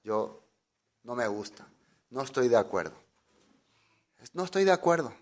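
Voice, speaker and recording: A man's voice: medium pitch, lively intonation, measured pace. A man preaching a sermon as a pastor, emphatic, asking his listeners rhetorical questions and acting out the voices he quotes.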